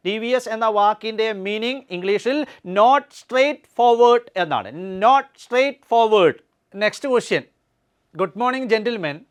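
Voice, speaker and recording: A man teaches exam English in a lecture. His voice sits high and sounds clean and resonant. He slows right down to read each English example with care, then moves on briskly to the explanation. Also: clear, resonant tone. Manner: reads English examples slowly and carefully, explains briskly in between. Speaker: exam coaching tutor. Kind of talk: exam answer walkthrough lecture.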